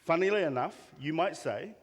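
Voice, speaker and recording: A male pastor preaching a sermon in an earnest way, with pauses and repeated phrases. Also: a little high, expressive, breathy edge, long reverb tail, muffled recording. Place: church hall.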